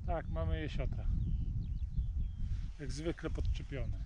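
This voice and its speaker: A man giving calm, casual commentary to viewers while fishing at a pond outdoors. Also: fairly high pitch, a little slow. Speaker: angler vlogger. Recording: outdoor recording with clear background noise.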